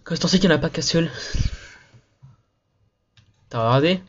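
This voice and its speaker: Over lo-fi audio with a little hiss or hum, a fairly high-pitched man opens his gaming video with an upbeat intro and then rambles on in fast, slangy casual chat. He mentions being sick, and there's phlegm in his throat.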